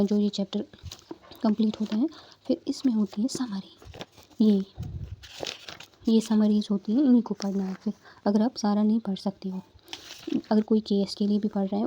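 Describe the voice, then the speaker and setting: A woman's voice: mid-range voice, dark tone, slight background noise. A young woman tutoring exam candidates in a casual study-guidance talk, explaining step by step with frequent fillers and check-ins.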